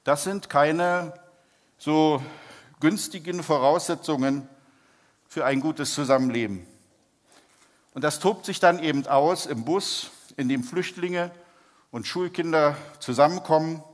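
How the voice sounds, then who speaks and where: A man with a fairly high voice preaches, calmly telling a testimony story. He speaks in a measured way and draws out his words when he stresses a point. A long hall reverb trails each phrase. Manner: measured, slows down for emphasis.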